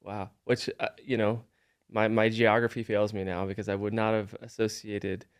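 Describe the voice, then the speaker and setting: A man hosting a podcast, reading the show's intro and then interviewing a guest in a relaxed, conversational way with self-deprecating asides. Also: on the low side, normal speed, clear, resonant tone. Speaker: podcast host.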